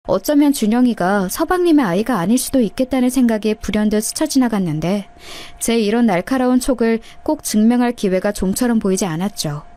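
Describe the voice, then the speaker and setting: Brief: a woman storyteller, confiding and direct with listeners, fairly high voice. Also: dark tone. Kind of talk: story narration.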